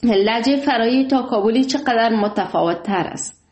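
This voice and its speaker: A woman hosting a call-in show, polite, thanking often and pausing with fillers. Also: on the high side, a little mellow, reverberant. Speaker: radio show host.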